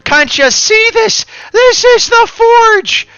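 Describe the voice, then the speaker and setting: A man voicing a greedy, excitable male dwarf who stammers and yells in a shrill voice. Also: slow pace, no room sound, highs cut off, full character voice. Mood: indignant.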